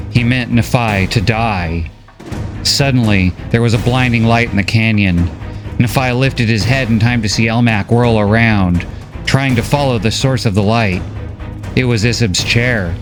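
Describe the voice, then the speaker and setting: A man reading a novel recap as scripted story narration, steady and measured. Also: mid-range voice.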